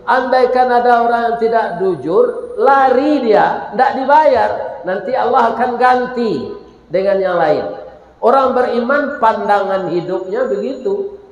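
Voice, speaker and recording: A Minangkabau preacher tells a story in a folksy sermon, his voice pitched high for a man. He takes his time, and the words ring out with a long echo in a large prayer hall. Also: unhurried. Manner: folksy, addresses listeners directly. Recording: echoey hall.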